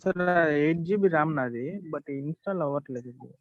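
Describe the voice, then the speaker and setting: A man's voice: fairly high pitch, rapid-fire, dry recording. A man with a Telugu accent speaking as a student in an online class, asking casual questions on a lo-fi call. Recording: dull lo-fi online call audio.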